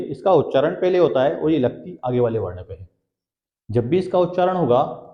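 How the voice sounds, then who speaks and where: A man teaching Hindi grammar for exam prep, who asks questions and answers them himself and repeats the key terms. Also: fairly high pitch. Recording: dull, echoey classroom sound.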